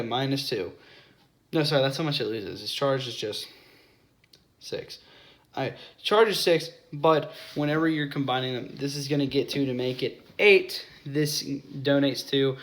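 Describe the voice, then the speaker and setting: A man's voice: mid-range voice, unhurried, long pauses, fairly bright tone. A young man explaining chemistry in a casual whiteboard lesson, often stopping to correct himself and apologize.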